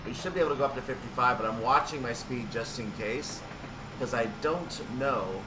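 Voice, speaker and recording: Far from the mic, a man talks at normal speed as he runs a train simulator, offering spontaneous commentary for his gaming video and explaining each step as he thinks aloud. Steady hum and rumble fill the roomy, off-mic recording.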